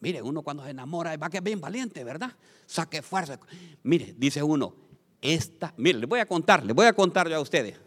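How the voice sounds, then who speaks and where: A pastor from Honduras delivers a sermon in a fairly high, swooping voice, calling out to his congregation and slipping in jokes. His voice rings through a reverberant church hall. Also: normal speed. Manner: animated, calls out to the congregation, joking asides.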